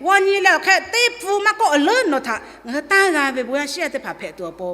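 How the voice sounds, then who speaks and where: A woman's voice: high-pitched, sing-song, quick pace, bright, forceful tone. A woman preaching a sermon in a church service. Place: church hall. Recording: long hall reverb.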